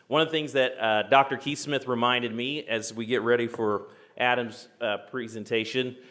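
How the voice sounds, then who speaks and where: A man's voice: mid-range voice, steady tone, moderate pace, a bit bright. A man hosting a conference. He reads a prepared introduction of the next speaker, then adds loose remarks.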